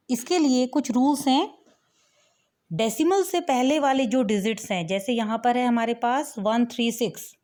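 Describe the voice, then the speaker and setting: A woman teaching a maths lesson in a fairly high voice. She explains step by step and keeps turning questions back to the viewer. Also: a little mellow.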